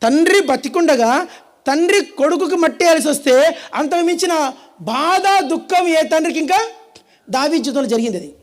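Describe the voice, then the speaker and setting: A man with a Telugu accent preaching a sermon, dramatic and swinging between loud and hushed, calling on the congregation to answer. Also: extremely high pitch, expressive, normal speed. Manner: calls on the audience to answer.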